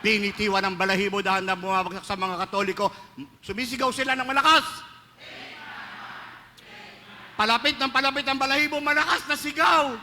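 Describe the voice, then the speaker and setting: Brisk and sharp, with a high voice that barely shifts in pitch, a Filipino-accented priest pauses often during his joking, storytelling sermon in Filipino and English. A large church's echo, faint ambience and a little hiss or hum are audible.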